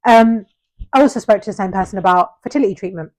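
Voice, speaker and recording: Woman, co-host, mid pitch, earnest and explanatory. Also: fast talker, darkish tone. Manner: earnest and explanatory, speaks in long run-on points. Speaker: podcast co-host. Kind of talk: casual chat.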